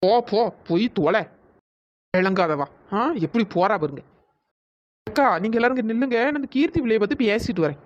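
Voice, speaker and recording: A woman's voice: mid-range voice, expressive, lo-fi sound, natural voice. A woman voicing a bossy, gossiping village neighbor in a cartoon story, with chatty, scolding talk. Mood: gossipy. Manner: chatty, scolding, fast-talking.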